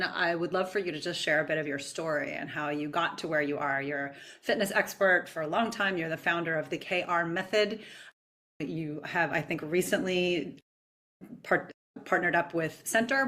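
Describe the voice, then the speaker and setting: A woman from New York hosting an interview, playful and self-deprecating, with a slightly low voice. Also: a bit bright. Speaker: podcast host.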